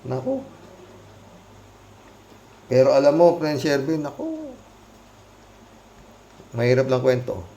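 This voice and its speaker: A man's voice: medium pitch, sing-song, takes it slowly, pauses often, dark tone. A man hosting a casual commentary show, reading out viewer comments with sarcastic, mocking remarks and frequent laughter. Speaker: commentary channel host. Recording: roomy echo.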